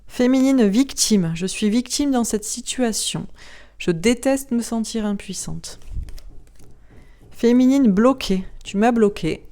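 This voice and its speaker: Woman, slightly high and mellow, reading card meanings aloud one by one. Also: slow. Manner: names each card, then reads its short first-person message plainly. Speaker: oracle card reader.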